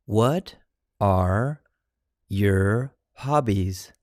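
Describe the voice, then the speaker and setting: Teacher voice for phrase drills: slow, chunked repetition, dry close sound. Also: low-pitched, expressive, a little mellow, no room sound. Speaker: language teacher.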